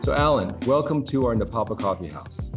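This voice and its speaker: A man's voice: medium pitch, very animated, brisk, over loud music. A man hosting an interview, asking friendly questions with light jokes. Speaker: interview host. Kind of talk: casual interview conversation.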